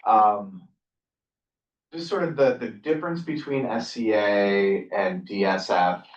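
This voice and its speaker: A fairly low-pitched man runs a public council meeting in a loose, hesitant way, filling gaps with fillers. He sounds far from the microphone, in a roomy, echoing space. The sound is dull and muffled. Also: slow pace. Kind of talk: presiding over a public meeting. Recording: distant muffled mic in echoey room.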